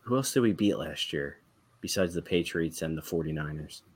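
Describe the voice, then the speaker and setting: A man's voice: very deep voice, lively intonation, normal speed, breathy edge. A man co-hosting a casual sports podcast, talking directly and quizzing the others. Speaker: podcast co-host.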